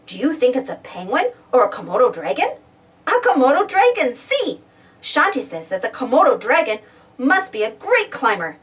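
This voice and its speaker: A female reader with a high voice gives an expressive children's read-aloud, highly animated and exclamatory, asking questions of her young listeners. She speaks at normal speed and is recorded a little away from the mic.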